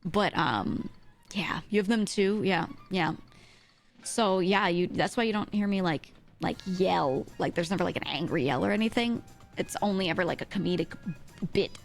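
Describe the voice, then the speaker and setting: This East Coast US woman hosts a livestream, speaking close to her streaming mic in a thin, lowish voice with vocal fry at a moderate pace. She chats casually and animatedly, rambling and giggling as she reads and answers viewers' comments. Music plays behind her.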